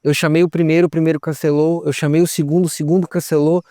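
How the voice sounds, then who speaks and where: Young man, personal testimony, quick delivery, dry close sound, acts out conversations. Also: a little high, little pitch movement, mellow, no room sound. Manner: retells events with quoted dialogue, says "cara" often. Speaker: testimony guest. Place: hilltop lookout, outdoors.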